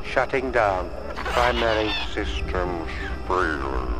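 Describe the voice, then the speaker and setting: A man's voice: low-pitched, sing-song, takes it slowly, over music, exaggerated voice. A man voicing a damaged droid in a video game, reporting in clipped, mechanical fragments. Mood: malfunctioning. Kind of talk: video game dialogue acting.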